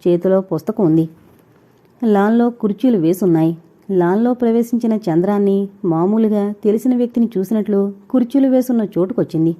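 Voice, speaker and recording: Dark-toned woman narrating a novel. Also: mid-range voice, brisk. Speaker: audiobook narrator.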